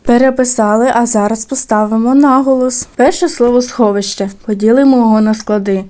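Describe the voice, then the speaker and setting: A woman teacher walks young children through a recorded lesson, stretching words slowly and clearly so they can hear every syllable. Her voice sits a little high but has a soft, mellow tone. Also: fairly even intonation. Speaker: primary school teacher. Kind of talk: recorded video lesson for second graders.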